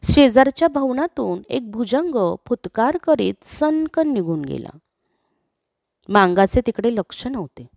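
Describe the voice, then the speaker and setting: Woman storyteller reading a classic tale, slow, lots of pitch movement, dead dry room. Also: very animated, gravelly, darkish tone, no room sound. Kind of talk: scripted narration of a classic story.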